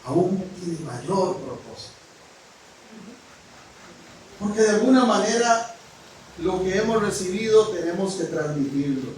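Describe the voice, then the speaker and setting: A man with a high, ringing voice preaches a sermon to his congregation, speaking frankly and directly. He swings between loud exclamations and near whispers. The sound is very echoey and comes from a distance in a church hall, with a faint hiss underneath. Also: expressive, a little slow, long pauses. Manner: preaching with rising exclamations and sudden drops to a hush. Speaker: pastor.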